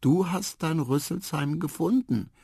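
A man voicing a small, wistful male trunk-dog creature in a children's radio story, with a hoarse little voice and slow, sighing speech. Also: a little high, warm tone, no echo, studio quality, voice pushed up, heavily acted.

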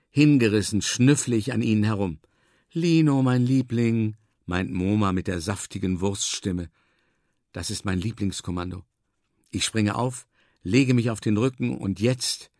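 Calm man narrating a story as a dog. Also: lowish voice, no echo, clean studio sound. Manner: calm, measured, drawn-out emphasis. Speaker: audiobook narrator.

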